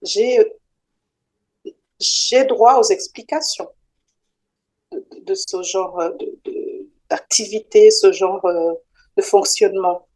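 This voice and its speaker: A woman's voice: medium pitch, slow, long pauses, darkish tone. A woman from Rwanda speaking as a guest on a talk show, hesitant, with frequent restarts and fillers. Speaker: guest, association member.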